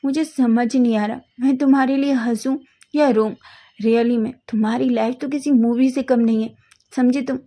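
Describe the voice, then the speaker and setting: A woman voicing an excitable young male college student who fires off worried questions at his friend. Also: on the high side, normal speed, lightly acted. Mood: surprised.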